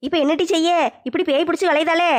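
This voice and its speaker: A woman's voice: very high voice, fairly even intonation, fast, voice pushed down. A woman voicing a fearful old village grandmother, scolding in an alarmed, gossipy way. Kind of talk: comedy skit voice acting.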